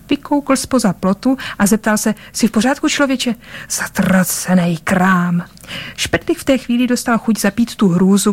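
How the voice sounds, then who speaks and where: A woman reading a story aloud, narrating with lively delivery and small slips. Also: mid-range voice. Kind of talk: audiobook-style story reading.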